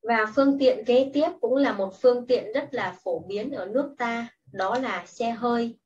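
A woman teacher speaks slowly and patiently, giving clear classroom instructions. Her voice sits a little high and comes from some distance off the mic. The sound is dull and muffled, with a faint hiss underneath. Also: a little mellow. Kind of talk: slow, deliberate classroom instruction.

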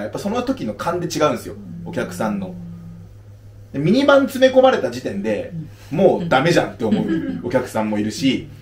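A comedian in his thirties holds forth on audience questions with a wildly swinging pitch and a playful, mock-serious manner. He sits at the middle of the male pitch range. His voice carries the echo of a live room, picked up from a distance. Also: a little mellow. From Aomori, Japan. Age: 30s. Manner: playful, mock-serious lecturing, laughs often. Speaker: stand-up comedian. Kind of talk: casual Q&A talk after a live show. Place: live venue.

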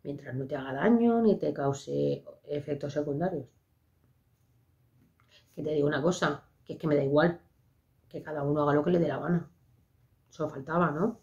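Chatty spanish woman podcasting, lowish voice, kinda muffled lo-fi sound. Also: normal speed, creaky, long pauses. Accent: Spain Spanish. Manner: chatty, expressive, lots of fillers. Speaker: podcast host. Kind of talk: casual monologue. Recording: dull lo-fi podcast audio.

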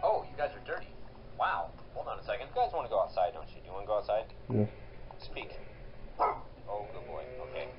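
A man's voice: fairly low pitch, sing-song, brisk, long pauses. A man talking casually in a home vlog, coaxing and giving commands to his pet dogs. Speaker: vlogger. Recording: lo-fi home video with loud background noise.

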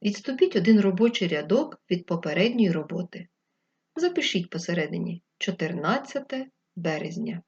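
Female teacher, remote first-grade lesson, slow clear dictation to children, muffled lo-fi recording. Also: lowish voice, lively intonation, darkish tone. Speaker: primary school teacher.

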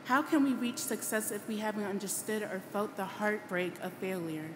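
A Ghanaian woman in her late teens, the graduating student speaker, delivers a scripted graduation speech from a podium on a large auditorium stage. Her mid-range voice carries earnest, formal, measured oratory into a podium microphone on a boom stand. The hall PA sounds echoey, with loud background noise.

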